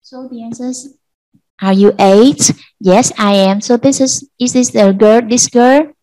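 A Vietnamese-accented woman teaching an English class to children, slow and patient, repeating answers for pupils. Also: on the high side, warm tone, dry recording, rough recording. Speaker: primary school English teacher. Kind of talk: online class lesson.

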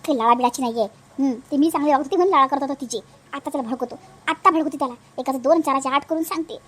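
A woman's voice: high-pitched, very fast, lightly acted. A woman voicing an aging mother-in-law in a cartoon. She speaks with a Vidarbha Marathi accent and a whiny, nagging manner, complaining about her aches. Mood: scheming. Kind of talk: cartoon voice acting.

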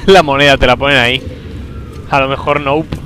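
A man from commentating a video game he is playing, talking to himself, with a sore throat, excitable and prone to loud outbursts. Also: mid-range voice, normal speed, slight background noise, poor audio. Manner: excitable, talks to himself, bursts into loud exclamations. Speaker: gameplay commentator. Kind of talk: let's play commentary.

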